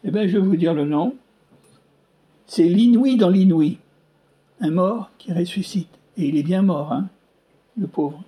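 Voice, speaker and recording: A preacher giving a sermon, emphatic, asking rhetorical questions and piling up repeated phrases with sweeping rises in pitch. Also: a little slow, pauses often, warm tone.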